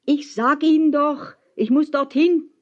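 A woman voicing a hot-tempered young teacher who shouts back in an indignant way. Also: mid-range voice, huge pitch swings, measured pace, muffled recording. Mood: shouting. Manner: shouting over wind, indignant.

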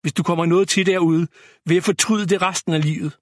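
A man voicing a protective older elf nursemaid in a storybook, speaking gently and seriously. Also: high-pitched, fairly even intonation, no echo, studio quality, close to an everyday voice. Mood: grave.

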